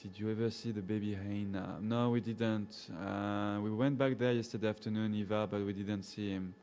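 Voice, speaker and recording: A French-speaking safari guide with a French accent chats casually with live viewers, reading their comments aloud, laughing often and answering people by name. His voice sits fairly low at a normal speed, with a little hiss or hum in the audio.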